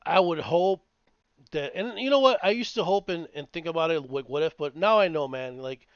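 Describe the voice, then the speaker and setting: A man in his late thirties rants on a casual podcast, cursing freely and circling back over his points. His voice sits a little high. The recording sounds dull and lo-fi, with a dry, close sound. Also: moderate pace, clean tone, no echo. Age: 30s. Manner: profane, rambling, animated ranting. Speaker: podcast co-host. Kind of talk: casual chat.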